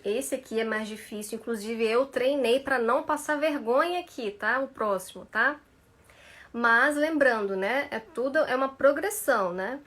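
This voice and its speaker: A woman's voice: fairly high pitch, a bit bright. A woman career mentor coaching viewers through tongue twisters on a live stream, playful and laughing often, stretching each syllable carefully.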